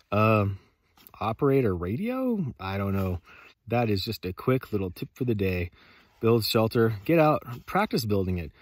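Low-pitched man, close dry sound. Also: darkish tone, no echo. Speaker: host of an outdoor radio channel. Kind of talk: casual instructional vlog. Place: inside a small snow shelter under a tarp. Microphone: phone or camera at arm's length.

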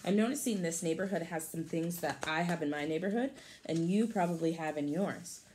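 Brisk and a little mellow, this woman's lowish voice carries a picture book reading for young children, delivered expressively like a teacher with offhand explanatory asides. She's in her thirties, in a small room at home, and background noise is clearly audible.

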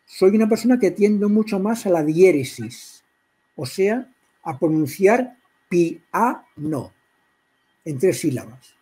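Catalan-accented man lecturing on poetry, husky. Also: high-pitched, lively intonation, warm tone, low-quality recording. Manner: halting, many restarts and throat clearing. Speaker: workshop speaker on poetry. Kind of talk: informal lecture to a writers' group.

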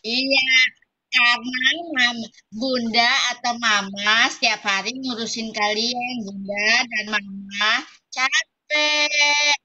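High, bright-voiced kindergarten teacher coaxing children. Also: female voice, very slow, lo-fi sound, slight background noise. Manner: coaxing, singsong and playful with small children. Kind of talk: online class with young children. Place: home, online class.

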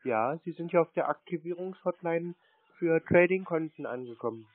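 A prank caller answers scam calls, chatting casually and teasing the callers with feigned earnestness. His voice sits on the high side at normal speed, with no room sound but a narrow, tinny, phone-like quality.

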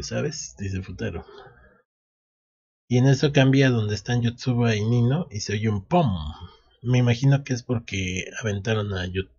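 Low, husky male host, casual manga recap at home, muffled lo-fi recording. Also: a little mellow. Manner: reads dialogue aloud with frequent restarts.

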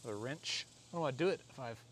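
Animated and quick, a medium-pitched American man vlogs casually as he installs a product, talking in a rambling, conversational, self-deprecating way. Background noise runs throughout. His camera or phone mic, arm's length to a few feet away, picks up noisy audio in a driveway and inside a parked car.

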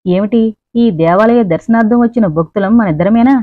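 A woman voicing a playful, pampered rich young woman who talks in a lively, teasing way. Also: medium pitch, fairly quick, dry recording, close to an everyday voice. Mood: curious. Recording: dry, narrow phone-like sound.

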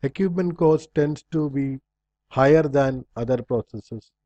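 A man's voice: mid-range voice, a little slow, dark tone, no echo. Man reading lecture slides, dull lo-fi sound. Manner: reads bullet points in short fragments, with slips and restarts. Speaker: instructor.

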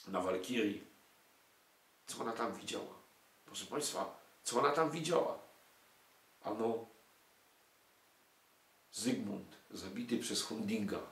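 An older man lectures an audience on music and culture in a mid-range voice with vocal fry. He is emphatic, firing off rhetorical questions and indignant asides, and the room is echoey.

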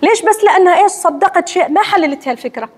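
Fast-talking Omani woman lecturing. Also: very high voice. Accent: Omani Arabic. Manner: lively teacherly, asks and answers own questions. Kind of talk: religious lecture to women. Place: large mosque hall. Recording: long hall reverb.

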